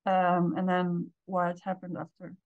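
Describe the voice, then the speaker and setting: A woman's voice: lowish voice, completely flat delivery, measured pace, no room sound. Woman host in her 40s on a video call, gushing, hunting for words, dry dull sound. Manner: warm, gushing, searches for words. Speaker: podcast host. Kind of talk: casual interview chat.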